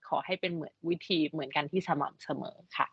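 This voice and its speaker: A woman's voice: low-pitched, vocal fry, slightly rough, no echo. A woman whose first language is Thai, interpreting and checking points on a video call. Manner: rapid restating and checking of points. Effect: video call audio. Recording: dry, dull lo-fi call audio.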